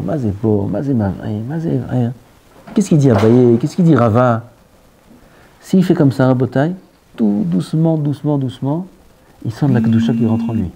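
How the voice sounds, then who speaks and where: A man preaches a Torah sermon, dropping to hushed near-whispers and then rising into lively bursts. His voice is dark and mellow, at a middle pitch. A faint hum of noise sits behind it. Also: vocal fry. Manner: mixes Hebrew terms into French. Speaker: rabbi giving a Torah talk.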